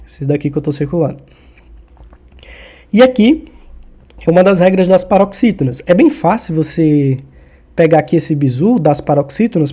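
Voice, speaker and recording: A man's voice: fairly high pitch, dark tone. A man teaching a Portuguese grammar lesson for exam preparation, explaining accent rules in a casual style and checking in with the listener after each point. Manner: informal, checks in often with the listener.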